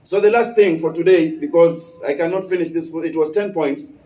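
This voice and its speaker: A West African imam delivers a Friday sermon at a moderate pace, his high voice still sounding mellow as he stresses and repeats key phrases. The microphone sits some distance off, so his words echo through the mosque hall.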